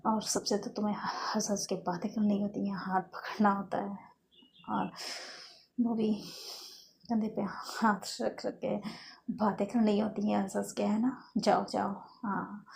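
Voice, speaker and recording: Woman doing a remorseful teenage girl, stammering, gravelly, slow, storybook drama. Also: medium pitch, darkish tone, a little hiss or hum, pitched below the performer's own voice. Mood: jealous. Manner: stammering, repeated apologies. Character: jealous, remorseful schoolgirl pleading. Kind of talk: dramatic Hindi story reading.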